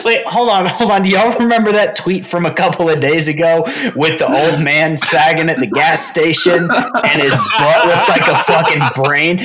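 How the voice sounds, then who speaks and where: A man's voice: fairly high pitch, fairly even intonation, moderate pace, hardly any pauses, background noise. A man co-hosting a podcast, rambling through crude jokes in casual chat. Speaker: podcast co-host.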